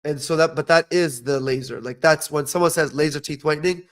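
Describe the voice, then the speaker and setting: This podcast host, a young man trained in dentistry, speaks on the high side and fairly quickly. His casual educational talk is full of blunt, opinionated advice and repeated "okay?" check-ins.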